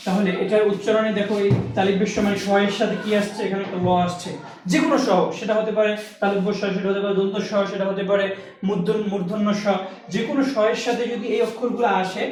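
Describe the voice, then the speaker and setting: A man's voice: high-pitched, fairly even intonation, fast, darkish tone. A man teaching a language lesson to students, explaining step by step and asking and answering his own questions. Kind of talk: classroom lesson. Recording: echoey room recorded from a distance.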